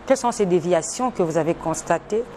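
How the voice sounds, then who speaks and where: A woman's voice: on the low side, lively intonation, fairly quick, mellow, a little hiss or hum. A woman hosting a faith interview show, asking short, direct questions. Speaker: host.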